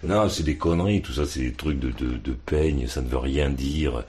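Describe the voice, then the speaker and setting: A man's voice: a bass voice, moderate pace, a little mellow. A man calling in over the phone to a radio debate, blunt and slangy, laughing at his own points. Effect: heard over the phone.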